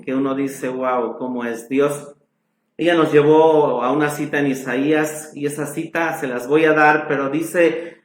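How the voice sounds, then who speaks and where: A man preaching a sermon as pastor, reading scripture in long drawn-out phrases and adding frequent amens. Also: on the high side. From Mexico. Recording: echoey room sound.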